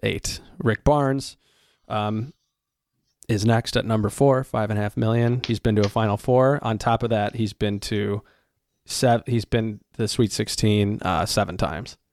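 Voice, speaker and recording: A man's voice: lowish voice, steady tone, unhurried, darkish tone, no echo. A man co-hosting a casual sports podcast, rambling through coaching stats with lots of ums and restarts. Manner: rambling, stacks up stats with many fillers. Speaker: podcast co-host.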